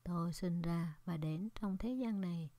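Calm male teacher before his judge, read by a woman; low, mellow, dry. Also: measured pace, no room sound, lightly acted. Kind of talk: Scripture reading.

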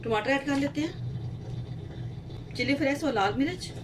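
A woman hosting a cooking channel, calmly giving step-by-step recipe instructions in a home kitchen and often adding short blessings. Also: high voice, moderate pace, noisy background. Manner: calm, steady instructions with frequent religious blessings.

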